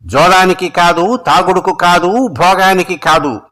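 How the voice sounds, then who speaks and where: Man reading as a loyal queen, earnest, pleading, bright tone. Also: high-pitched, unhurried. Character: devoted pleading queen, young woman.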